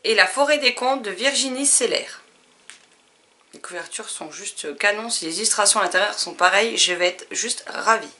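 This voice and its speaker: A woman casually listing her new books, chatty and relaxed, with frequent fillers. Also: mid-range voice, normal speed. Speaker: book vlogger. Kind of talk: casual book haul chat.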